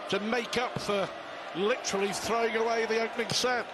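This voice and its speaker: A man's voice: very high voice, steady tone, a little fast. A man commentating live on darts in a conversational style. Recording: loud crowd noise behind commentary. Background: noisy darts crowd.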